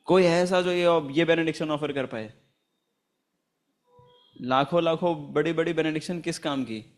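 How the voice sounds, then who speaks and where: A man leads an informal Gita class at a moderate pace, chatting, telling anecdotes, laughing often and chanting Sanskrit verses. His voice is on the high side.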